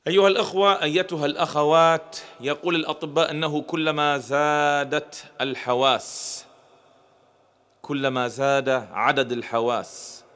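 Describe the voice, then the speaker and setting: A man's voice: a little high, fairly even intonation, normal speed, a bit bright, smooth. Man giving an emphatic motivational talk. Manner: addresses audience directly, rising emphasis on key words. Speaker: motivational speaker. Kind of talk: motivational lecture.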